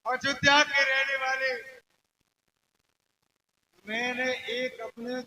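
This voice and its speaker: A man's voice: very high-pitched, level tone, slow pace, bright, forceful tone, a little hiss or hum, full character voice, poor audio. A man with a playing a simple village farmer, wailing and complaining in a comic, exaggerated way in a folk stage play. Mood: whiny.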